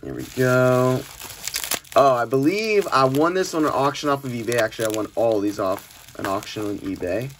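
A casual young man hosts a trading card unboxing channel from a desk in a small indoor room, speaking at medium pitch and normal speed. The recording is noisy, with clicks, crumpling and crinkling from the packages he handles.

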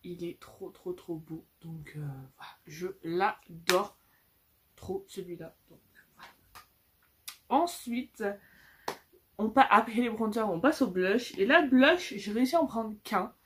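A woman's voice: mid-range voice, lively intonation, unhurried, long pauses, fairly bright tone, a little hiss or hum. A young woman from France chatting through a casual makeup review, filmed on a phone at home, with lots of fillers and restarts. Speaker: beauty vlogger. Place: indoors at home with a lamp behind her. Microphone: phone camera.

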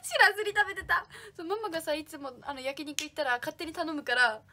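A woman's voice: high voice, expressive, fast, sharp tone, slight background noise. A young woman hosting a casual livestream, reading fan comments aloud and thanking viewers by name in a bubbly way. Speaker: idol livestream host.

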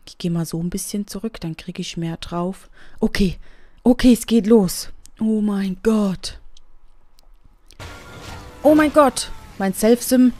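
A woman giving casual gameplay commentary, excitable and often squealing and gasping. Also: mid-range voice, measured pace, no echo, soft background music. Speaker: let's play gamer.

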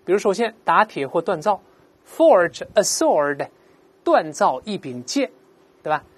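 With husky, lively intonation on the low side, a woman leads a vocabulary lesson in English. She keeps asking "right?", explains each word patiently, and slowly demonstrates pronunciations to be repeated.

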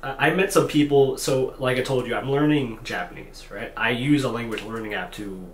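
In a small hotel room, a tired man in his twenties vlogs unscripted to a camera at desk distance, rambling and putting himself down with lots of fillers and restarts. His voice is medium-pitched at a normal speed. The room is echoey, with faint ambience and background noise.

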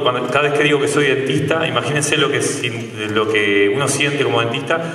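A dentist in his thirties with a Uruguayan Spanish accent gives a conversational talk on a large theatre stage, hesitating often. His mid-range voice has a sharp tone and goes into a handheld mic on a stand. A distant camera captures it with roomy hall sound.

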